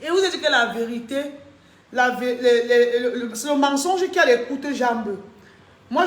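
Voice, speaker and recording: A woman's voice: a little high, roomy sound. A woman, chatting casually on a live stream, reading comments and answering viewers, laughing often.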